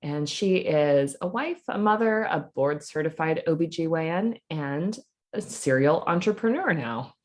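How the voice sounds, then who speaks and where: A woman hosts a podcast interview in a casual, friendly way. Her voice is low-pitched. She laughs easily and softens her questions with small hedges. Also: expressive, a little slow. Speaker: podcast host and coach.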